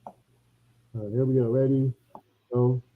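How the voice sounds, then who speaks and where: A man's voice: mid-range voice, flat delivery, unhurried. A man calling in to a livestream whose voice comes through garbled and gurgling, as if underwater, talking casually and asking the host to hang on. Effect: garbled, gurgling underwater-sounding call audio. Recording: tinny, garbled phone-line call.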